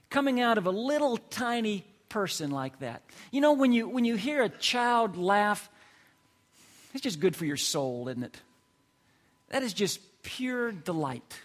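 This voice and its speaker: A middle-aged male pastor delivers a sermon, chatty and playful, often asking the congregation questions. His voice sits high. It swings widely and animatedly in pitch. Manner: conversational, playful preaching with rhetorical questions.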